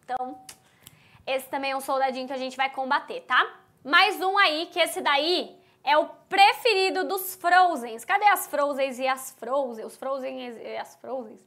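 High-voiced, lively woman teaching. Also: unhurried. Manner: animated, talks straight to the audience, acts out quoted voices. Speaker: online course instructor. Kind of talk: lively live-class teaching.

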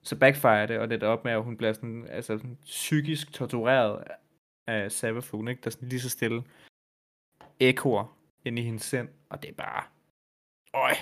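A man co-hosting a podcast speaks at a middle pitch in a relaxed way. He reads game lore passages aloud in a flat, steady voice, then drifts into loose conversation full of fillers and the odd swear word.

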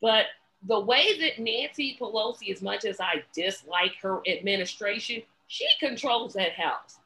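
A woman hosting a casual political talk show, talking in an animated way, often restarting her sentences and adding sarcastic asides. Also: mid-range voice, measured pace, a little hiss or hum, poor audio. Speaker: podcast host.

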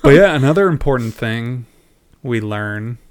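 A man's voice: mid-range voice, lively intonation, unhurried. A man co-hosting a podcast, chatting casually and laughing often. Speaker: podcast co-host. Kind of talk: casual chat about an anime.

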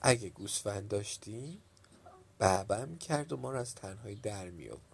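A man's voice: on the low side, animated, vocal fry, husky, exaggerated voice. A man voicing a worried, caring old village woman in a storybook reading, lifting his voice a little for her. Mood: gentle.

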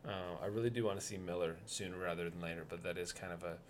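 A man co-hosting a casual sports podcast, laid-back and joking, often pausing with ums. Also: deep voice, fairly even intonation. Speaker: podcast co-host.

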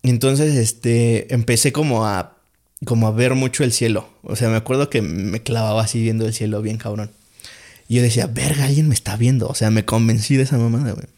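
A man with a Mexican accent tells a long story as a podcast guest. He talks in loose, slang-heavy chat and keeps circling back with fillers. His voice sits at an ordinary middle pitch. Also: steady tone, brisk, a little mellow. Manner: rambling and slangy, full of fillers.

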